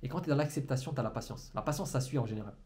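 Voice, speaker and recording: A man, an entrepreneurship trainer, giving a motivational talk to a camera in a room, talking very fast and stumbling and repeating words as he goes. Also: mid-range voice, warm tone. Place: room, indoors. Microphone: camera in front of him.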